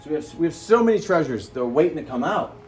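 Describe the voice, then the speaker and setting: A man delivers a motivational talk straight to the camera with a lively, swooping voice. He sits a bit high in pitch and leaps higher still to stress a point or act out someone he quotes. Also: fast, a little hiss or hum. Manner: animated, jumps high for emphasis, acts out quoted people. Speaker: host.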